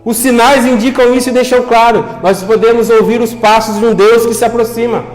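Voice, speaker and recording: A man's voice: very high-pitched, steady tone, a little fast. A young man preaching a sermon, telling a personal story and acting out the voices of the people in it, then making earnest appeals to the listeners. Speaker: pastor. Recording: long hall reverb with soft music.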